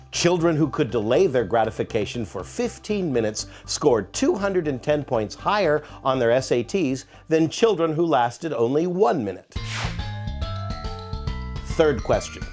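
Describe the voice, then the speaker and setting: A man's voice: medium pitch, darkish tone. A man narrating an educational parenting quiz, reading multiple-choice questions with playful emphasis. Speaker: author and narrator.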